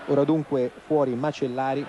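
A man doing live play-by-play football commentary, calling player names in short, halting phrases. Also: medium pitch, flat delivery, mellow, highs cut off. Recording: noisy outdoor stadium broadcast.

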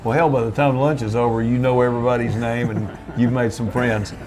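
A man's voice: mid-range voice, little pitch movement, a little fast, background noise. An older man tells the story of his family's restaurant in a loose, folksy ramble, often restarting his sentences. He talks seated at a table in a small back room, recorded by a camera set in front of him. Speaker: restaurant owner. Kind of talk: relaxed storytelling interview.

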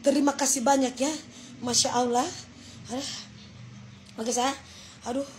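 A high-pitched woman with a Manado Indonesian accent chats into her phone on a livestream. She is effusive and exclaiming, thanking viewers one after another. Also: level tone, moderate pace, slight background noise. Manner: effusive, exclaiming, breaks into laughter. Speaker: livestream host. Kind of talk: casual livestream chat thanking viewers for gifts.

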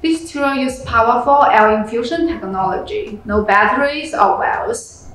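A young woman presenting products, reading a review script in plain, steady phrasing. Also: fairly high pitch, measured pace. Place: small room indoors. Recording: very echoey room with background music.

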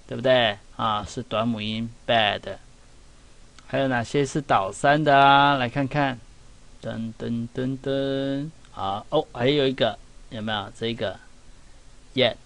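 A middle-aged man teaches pronunciation in a loose, conversational way. His pitch sits in the middle for a man. He fills the lesson with little check-ins like "see?" and "right?". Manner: chatty, with many "哈" and "有没有" asides. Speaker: English teacher. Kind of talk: casual classroom lesson.

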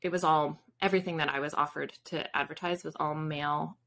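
Speaking briskly in a low voice with vocal fry, a fairly bright tone and fairly even intonation, a fiction author and podcaster in her thirties appears as an interview guest. Informal and self-deprecating, she talks from a bookshelf-lined home room over a video call with background noise and clicks.

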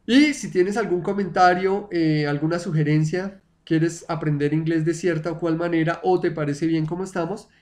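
A man's voice: on the high side, steady tone, normal speed, few pauses, darkish tone. A man whose first language is Spanish, teaching an online English lesson and patiently repeating words for his students to drill.

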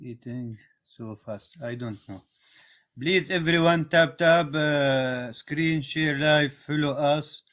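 Brief: young man on a phone live stream, slightly high voice, slow, repetitive pleas in broken English. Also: fairly bright tone. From North Syria. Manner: repetitive, pleading, simple halting English. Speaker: livestreamer asking viewers for support. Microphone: phone in a live video call.

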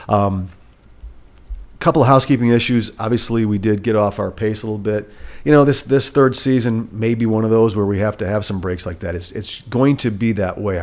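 Here a middle-aged man's voice is low and darkish, thick and nasal as if he has a cold. He's hosting a solo podcast in a rented apartment's living room, chatting casually in a rambling, candid way and revising himself mid-thought. He records on a boom-arm studio mic.

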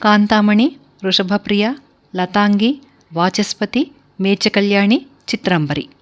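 Woman teaching music theory, steady pace. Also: mid-range voice, measured pace, lo-fi sound. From India. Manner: steady, explanatory, lists terms one by one. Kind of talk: spoken lecture.

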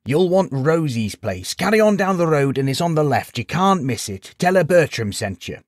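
A man's voice: fairly high pitch, big pitch swings, normal speed, no echo, clean studio sound, pitched above the performer's own voice. A man voicing Bertram, a small, hunched, jovial old village man who likes to tease with good-natured chuckles. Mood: joking.

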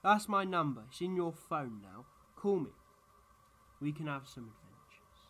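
An actor playing an eccentric, quick-witted time-travelling adventurer in a sci-fi audio drama, theatrical and whimsical. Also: male voice, a little high, very animated, bright, forceful tone, exaggerated voice. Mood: soft, friendly. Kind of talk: science fiction fan audio drama acting.

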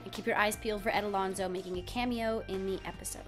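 A woman in her twenties presenting a scripted news update in a croaky, hoarse voice, like she has laryngitis. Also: medium pitch, fairly even intonation, fast talker, soft background music. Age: 20s. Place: indoors, facing camera, music behind.

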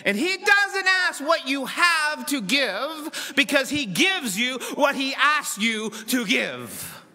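A middle-aged man preaching a sermon from a church pulpit, acting out dialogue with dramatic swings between loud and soft. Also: very high-pitched, slow pace, soft background music. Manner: dramatic, voices God and Moses in lively asides. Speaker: pastor. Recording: long church reverb.

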